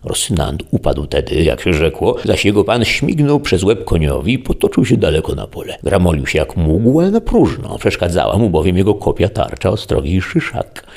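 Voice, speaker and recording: Deep gravelly male narrator. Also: big pitch swings, a little mellow. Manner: measured, storytelling. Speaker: audiobook narrator. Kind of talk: scripted narration of a classic novel.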